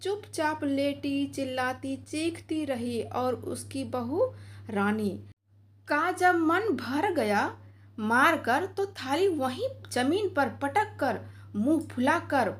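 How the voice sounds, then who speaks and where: A woman storyteller with a high voice recounting an emotional moral tale. Her narration is expressive. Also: slow pace.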